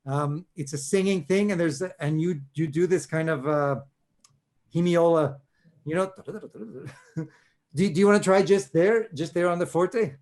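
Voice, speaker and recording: A man's voice: a little high, measured pace, darkish tone. A man coaching a violin student in an online masterclass, chatty and encouraging, often interrupting himself and apologizing. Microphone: video call.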